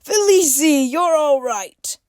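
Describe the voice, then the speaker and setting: A woman's voice: sits high, lively intonation, slow pace, darkish tone, dry recording, studio quality, voice pushed up. A woman voicing a shopkeeper and father who talks with an odd put-on accent. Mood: relieved.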